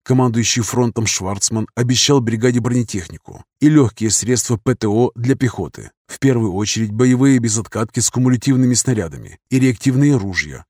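A man reading a military novel aloud as scripted narration, in an even, steady manner. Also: medium pitch, dry recording, studio quality. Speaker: audiobook reader.

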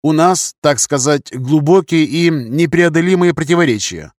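A man's voice: fairly high pitch, expressive, moderate pace, no echo, studio quality, voice pushed up, lightly acted. A man voicing a young male English officer who speaks formally and pedantically, like a lecturer. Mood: polite.

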